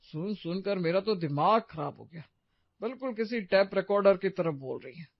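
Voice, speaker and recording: A woman's voice: mid-range voice, lively intonation, moderate pace, dry recording, lo-fi sound. A woman voicing an older father-in-law in a cartoon story, weary and teasing.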